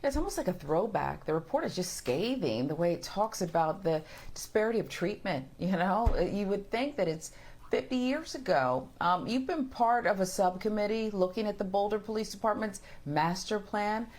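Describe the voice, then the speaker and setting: A woman's voice: mid-range voice, lively intonation, moderate pace, a little mellow. A woman conducting a news interview in a conversational, emphatic way.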